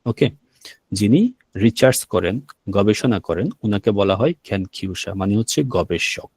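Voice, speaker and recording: A man from Bangladesh teaches a language class, explaining vocabulary, patiently repeating words and making sure students follow. His voice is on the low side and darkish, at a moderate pace, in a dry recording.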